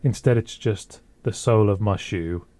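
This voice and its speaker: A young man co-hosting a podcast tells rambling anecdotes in a casual chat, often restarting his sentences. His lowish voice is warm in tone and moves at a normal pace.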